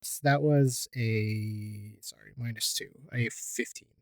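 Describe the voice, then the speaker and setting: A man's voice: on the low side, fairly even intonation, takes it slowly, vocal fry, no echo. A man playing a tabletop game, chatting and joking casually. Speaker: player.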